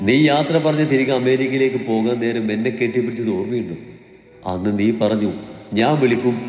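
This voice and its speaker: A man's voice: medium pitch, lightly acted. A man playing a menacing, obsessive young man. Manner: soft and coaxing, then sudden shouts. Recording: echoey room with long reverb, faint music.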